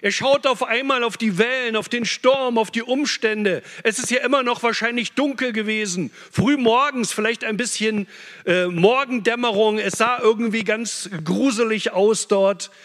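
An impassioned male preacher swings from loud, urgent peaks down to hushed, low phrases as he delivers his sermon a little slowly. His voice sits somewhat high for a man, and long reverb trails every line in the large church hall.

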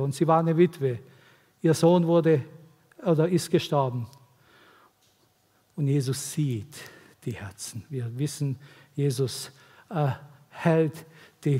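A man with a mellow, medium-pitched voice preaches an earnest sermon to mothers in a church hall. His pleading delivery swells and falls, echoed by long hall reverb.

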